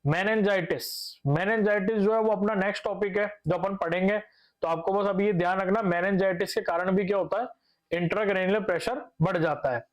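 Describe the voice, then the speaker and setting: High-voiced male nursing teacher lecturing. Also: steady tone, brisk. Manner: explains by asking and answering his own questions, repeats key terms; mixes English terms into his speech. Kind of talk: classroom lecture.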